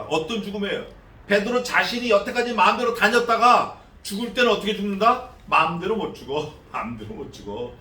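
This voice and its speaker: High-voiced pastor in a roomy church. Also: male voice, far from the mic, slight background noise. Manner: animated storytelling, acting out voices of biblical figures; conversational, asks the congregation questions. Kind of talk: expository sermon. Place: church sanctuary.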